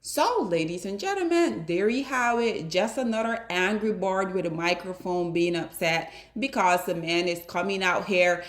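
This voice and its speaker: A woman's voice: lowish voice, moderate pace, hardly any pauses, soft background music. A woman hosting a commentary video, lecturing her viewers directly in a preachy, emphatic way. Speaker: commentary host. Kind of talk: reaction commentary to a street interview.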